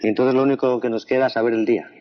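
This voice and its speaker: A man's voice: medium pitch, fairly even intonation, racing. A man, a doctor, interviewing a guest in an earnest, conversational way and often repeating back her answers. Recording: dull lo-fi recording.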